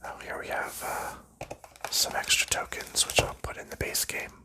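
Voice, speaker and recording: Whispering breathily right up against the mic, this ASMR host talks through an unboxing at a moderate pace. His explanations are gentle and unhurried.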